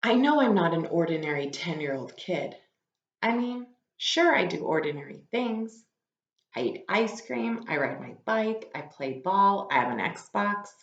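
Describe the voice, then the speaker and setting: A low-pitched woman reads a book aloud to her students, chatting with them, explaining, and asking questions between passages. The recording has a roomy echo and muffled highs.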